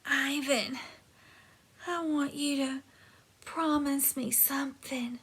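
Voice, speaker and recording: A woman voicing an old, ailing female elephant, speaking softly in a hoarse, breathy half-whisper during a storybook read-aloud. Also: high voice, steady tone, takes it slowly, full character voice. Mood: weak, pained.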